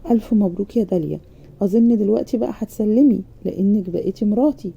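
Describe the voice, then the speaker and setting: A woman's voice: mid-range voice, fast, warm tone, dull audio. A woman voicing a stern young male teacher with an Egyptian accent, talking curtly. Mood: gruff. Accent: Egyptian Arabic. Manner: gruff, curt.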